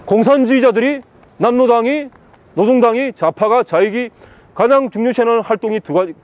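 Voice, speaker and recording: A man with a notably high voice speaks in an outdoor city interview. He is insistent and drives each point home by repeating key words over and over. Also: a little mellow. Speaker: interviewee, political commentator. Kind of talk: impassioned outdoor interview monologue.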